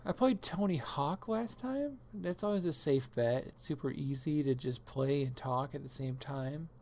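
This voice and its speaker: A woman's voice: deep voice, moderate pace, darkish tone, slight background noise. A woman live streamer chatting casually while gaming, rambling and self-deprecating and laughing often.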